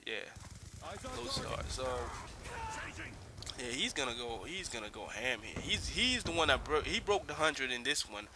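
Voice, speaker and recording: A man's voice: medium pitch, big pitch swings, moderate pace. A young man casually commenting on his own game footage as a channel host, laid-back, swearing freely and calling everyone "man". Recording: noisy homemade recording with hiss.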